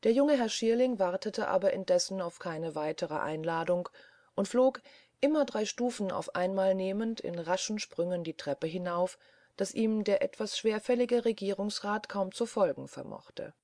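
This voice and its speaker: A woman reading a classic story aloud as scripted narration, in a measured storytelling manner. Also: medium pitch, lively intonation, warm tone, dry recording. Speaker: audiobook reader.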